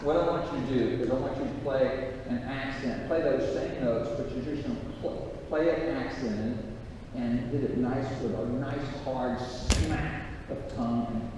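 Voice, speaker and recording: A middle-aged man running a band rehearsal clinic, counting off the players and coaching them with lively instructions. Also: mid-range voice, moderate pace, slight background noise. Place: school band room or hall. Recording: echoey hall picked up from far off.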